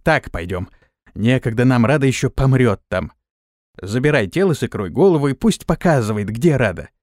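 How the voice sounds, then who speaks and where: A man's voice: medium pitch, sing-song, moderate pace, darkish tone, dry recording, studio quality, natural voice. A man voicing a hot-tempered young male police trainee with indignant outbursts.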